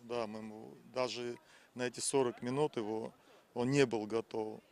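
A man in his fifties, a football coach, giving plain, halting, repetitive post-match answers outdoors into a handheld microphone. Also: mid-range voice, steady tone, darkish tone. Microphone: interviewer's handheld microphone.

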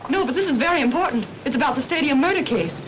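A plucky young heroine detective, brisk and coaxing in 1930s screen style. Her voice sits high, and a faint hiss runs under the old film sound. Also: expressive, poor audio. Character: plucky young woman sleuth, bossy and quick.

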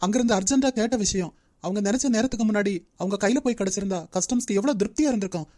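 A strict young cartoon manager, as a woman voices him, lecturing at a quick clip. The tone is dark and mellow, and the sound is close and dry with no room around it. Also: mid-range voice, no echo, natural voice. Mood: stern scolding. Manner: brisk, lecturing. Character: young male company manager, strict and demanding. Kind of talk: Tamil cartoon dub.

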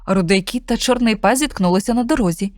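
A woman reading a children's fairy tale aloud in a gentle, expressive storytelling manner. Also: fairly high pitch, fast, no room sound, studio quality.

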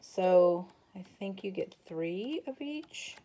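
A woman's voice: mid-range voice, lively intonation, slow pace, mellow, a little hiss or hum. A woman showing off her craft supply haul in a casual video, gushing over each item and saying she is tired. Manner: gushing, breathless exclamations. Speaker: craft vlogger.

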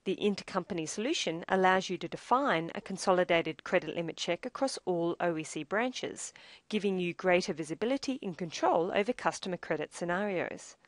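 Narrating a scripted software demonstration, a woman with a somewhat low, expressive voice walks through each step at a measured pace. The sound is dry and close-miked, with very little room in it.

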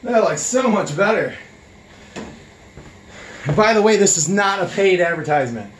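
A man's voice: sits high, lively intonation, moderate pace, slight background noise. A man in his forties hosting a casual vlog in his garage workshop, chatty and upbeat, with plenty of fillers. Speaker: channel host. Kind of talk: casual product demo vlog. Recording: echoey garage with background music.

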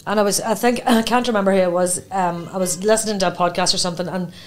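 Quick, chatty Northern Irish woman hosting an interview, affirming tone. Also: mid-range voice, fairly even intonation. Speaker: podcast host. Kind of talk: casual interview chat. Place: studio set with armchairs. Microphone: boom microphone on stand.

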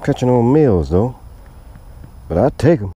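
A man filming himself fishing from a lakeshore with a head-mounted camera, talking excitedly to the fish as he reels them in. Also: medium pitch, normal speed, breathy edge. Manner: talks to the fish while reeling. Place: outdoors on a lakeshore. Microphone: head-mounted action camera.

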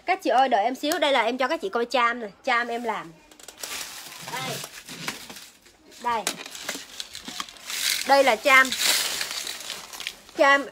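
A young woman with a high, sharp voice chats casually as she sells on a livestream. She repeats phrases as she addresses her viewers. The phone recording carries clear background noise. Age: young adult. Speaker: livestream seller. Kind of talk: casual live sales chat. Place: indoor beauty shop room. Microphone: phone at arm's length.

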